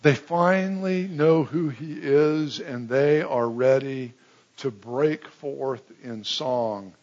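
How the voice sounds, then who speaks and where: A man preaching a sermon, telling stories with big swings between loud excitement and hushed, low tones. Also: takes it slowly, muffled recording. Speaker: pastor.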